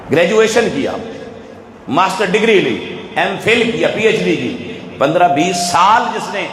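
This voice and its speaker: A man with a Pakistani Urdu accent giving a sermon to a live audience, pressing them with rhetorical questions. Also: sits high. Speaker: religious speaker. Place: event hall with an audience. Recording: echoey hall, faint ambience.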